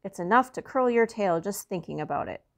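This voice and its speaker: A woman reading a storybook aloud and voicing Wembley, an eager, helpful young male Fraggle, in a raised, excited voice. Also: brisk, close to an everyday voice. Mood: speculating. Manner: raised, excited pitch for his lines.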